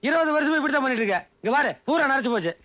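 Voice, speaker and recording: A man's voice: very high-pitched, animated, racing, bright, forceful tone, full character voice. An actor playing a gray-haired village man who grumbles and teases in a film scene. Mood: grumbling.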